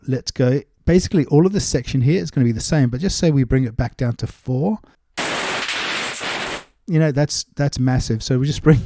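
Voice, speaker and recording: A man with a warm, mid-range voice walks through a music production tutorial step by step, keeping things informal as he demonstrates. Music loops and vocal samples play in the background.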